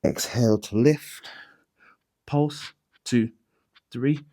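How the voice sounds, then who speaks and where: Slow, dark-voiced male Pilates instructor. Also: medium pitch. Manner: calm cueing with breath counts. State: out of breath. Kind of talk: guided workout instruction.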